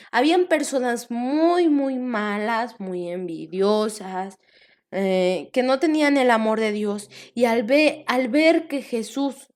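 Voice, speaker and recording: Slow, high-voiced woman teaching children. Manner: animated, drawn-out repetitions, asks the children questions. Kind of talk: storytelling Bible lesson for children.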